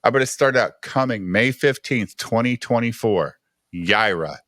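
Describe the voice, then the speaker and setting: A man's voice: mid-range voice, expressive, measured pace, bright, forceful tone, dry recording. Insistent man, dry close sound. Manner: insistent, keeps pressing the same point. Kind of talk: casual group chat on a stream.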